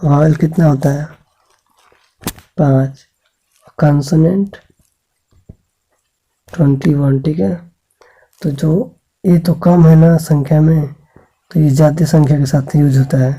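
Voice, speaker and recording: The voice is a man's, a little high, mellow and slightly rough, with fairly even intonation, slow delivery and long pauses, captured in poor audio. He's giving school students an English grammar lesson, patiently spelling out sounds, checking in regularly, and answering his own questions.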